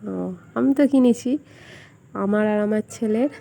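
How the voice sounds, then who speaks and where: A young woman vlogger chatting casually and speaking softly at home so her sleeping son stays asleep. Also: a little high, moderate pace, creaky. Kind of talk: casual vlog chat. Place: at home indoors. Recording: home recording with music playing nearby. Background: fair music playing nearby.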